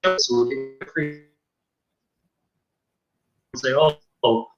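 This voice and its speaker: A man's voice: medium pitch, steady tone, takes it slowly. A man co-hosting a casual chat over a video call, his audio cutting in and out as the connection drops. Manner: rambling, full of fillers. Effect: call dropping out, choppy broken-up audio. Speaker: co-host. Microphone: computer call without his own microphone. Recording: echoey, dull lo-fi call audio.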